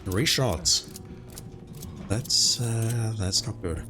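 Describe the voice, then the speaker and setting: A man's voice: on the low side, very slow, loud music behind the voice. A man giving casual playthrough commentary as a game streamer, explaining things in a wry, sweary way. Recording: faint game ambience behind voice.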